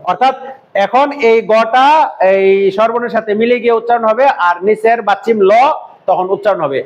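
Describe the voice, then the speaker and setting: High-voiced man teaching a class. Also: fairly quick, dull audio, slight background noise. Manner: drills the class with repeated questions and examples. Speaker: Korean language teacher. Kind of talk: classroom grammar lesson.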